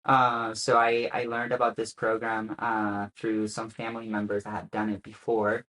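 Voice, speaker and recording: A young Spanish man, a native Spanish speaker, tells his story as a guest in a casual interview chat. His voice is lowish and his pace normal, and he sounds relaxed but hesitant, with frequent "uh" fillers and soft laughs. The recording is rough.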